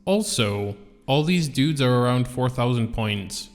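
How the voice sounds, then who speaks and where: A man giving relaxed, chatty commentary as he plays a game, his voice ringing with a big hall reverb. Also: medium pitch, unhurried, faint music behind. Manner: relaxed, thinking aloud, chatty. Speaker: gaming channel host. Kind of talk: casual gameplay commentary. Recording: echoey reverberant room.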